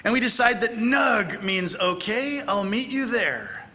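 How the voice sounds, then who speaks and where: A man in middle age lectures a church audience from the pulpit. His voice sits high and bright, with a very lively, swinging pitch. He slips into acted-out dialogue, raising his voice for the quoted lines. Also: measured pace. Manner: animated, acts out dialogue with raised voice. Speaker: speaker at a church conference. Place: large church hall.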